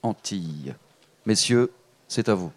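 A man hosting a public reading event, lively and encouraging as he addresses the audience and guests directly. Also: on the low side, slow.

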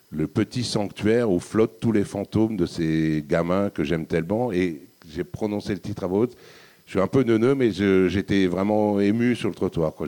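A man's voice: sits low, mellow. A middle-aged man, an author, telling a reflective story at a live book talk, hesitating and restarting often. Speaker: author guest. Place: public hall with audience.

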